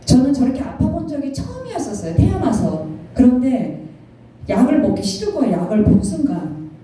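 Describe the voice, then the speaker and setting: Woman, around 50, personal testimony, animated and emotional, laughs while talking, high lively voice, very echoey hall, distant mic. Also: brisk. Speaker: speaker giving a personal testimony. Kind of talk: storytelling talk to an audience with slides. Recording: very echoey hall, picked up from a distance, faint noise.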